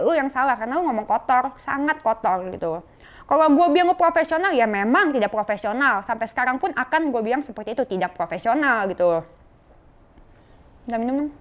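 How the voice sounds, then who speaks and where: A woman's voice: high voice, expressive, fast talker. A woman with a Jakarta colloquial accent who talks straight to camera, scolding and confrontational, and keeps calling her viewers "guys". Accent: Jakarta colloquial Indonesian. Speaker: vlogger. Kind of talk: casual angry rant to camera.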